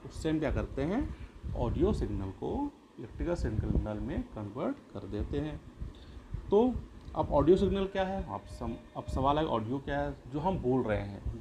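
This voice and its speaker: A school teacher with a mid-range, very animated voice delivers an explanatory classroom lesson at a moderate pace. He repeats and rephrases his points, posing questions and then answering them himself. Background noise is clear.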